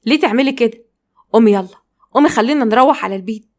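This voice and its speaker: A woman's voice: a little high, very fast, a little mellow, lightly acted. Woman voicing a stern, furious Egyptian father. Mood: scolding. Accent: Egyptian Arabic. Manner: scolding, threatening. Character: stern middle-aged father, furious at his son.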